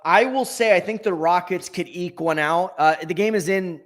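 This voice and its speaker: Chatty higher-voiced man talking hoops. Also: normal speed, fairly bright tone. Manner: thinks aloud, self-correcting. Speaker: co-host. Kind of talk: casual sports talk.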